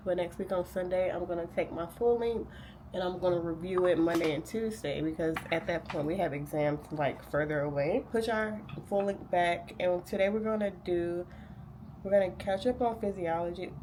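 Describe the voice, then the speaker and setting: Getting ready to study, this graduate student and vlogger rambles through a casual day-in-the-life chat, full of fillers and sounding stuffed up from a cold. She's a young woman with a fairly low, mellow voice. There's slight background noise.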